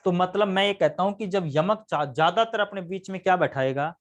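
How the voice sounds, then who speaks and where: A man's voice: sits high, brisk. A man teaching a live grammar lesson, constantly quizzing his students with questions and answering them himself.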